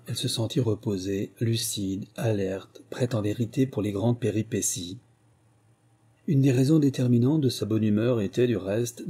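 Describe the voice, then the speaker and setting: Mellow, husky male audiobook narrator. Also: fairly low pitch. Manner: measured, literary storytelling. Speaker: audiobook reader. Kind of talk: scripted narration.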